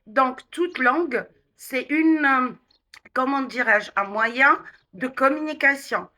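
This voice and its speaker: A woman with a Tunisian accent teaches pronunciation in an unhurried, carefully articulated way. Her voice is bright and sits a little high. She stretches out the vowels when she drills sounds. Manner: slow, deliberate articulation, exaggerated vowels in drills. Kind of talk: online pronunciation lesson.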